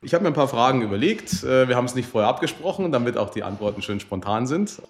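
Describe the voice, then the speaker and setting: A man's voice: mid-range voice, animated, fast. A man hosting a local podcast interview, asking friendly, slightly formal questions. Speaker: podcast host.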